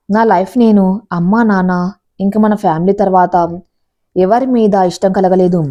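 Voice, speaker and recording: A woman's voice: mid-range voice, warm tone, muffled recording, close to an everyday voice. Woman reading a hesitant young college girl. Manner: hesitant and pleading.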